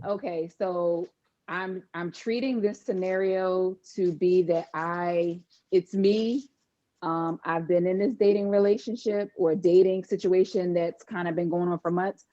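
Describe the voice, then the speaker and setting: A woman therapist explains things step by step in a calm, measured way. Her voice sits low and mellow. The recording is slightly dull and lo-fi. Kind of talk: advice in podcast conversation. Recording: dull lo-fi sound.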